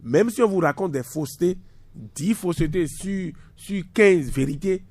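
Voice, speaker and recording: Measured in pace, this university lecturer in his fifties has a voice that sits high but carries a darkish tone. He's a radio discussion guest who speaks emphatically, repeating words for emphasis.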